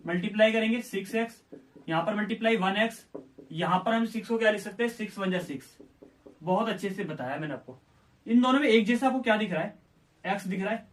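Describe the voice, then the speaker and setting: High-voiced man teaching maths. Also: fairly bright tone, distant mic. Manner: asks questions and answers them himself, voices students' doubts. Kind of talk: classroom lesson explaining step by step.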